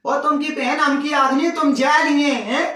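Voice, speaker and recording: A shrill, aggrieved village housewife, as a man puts her on, rants. She is high-pitched, combative and worn out by chores. The voice sounds roomy and set back from the mic. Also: flat delivery, normal speed. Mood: aggrieved ranting. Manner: ranting, shouting, aggrieved. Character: loud, quarrelsome village woman, a sister-in-law tired of housework. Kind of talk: comic sketch. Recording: roomy and distant.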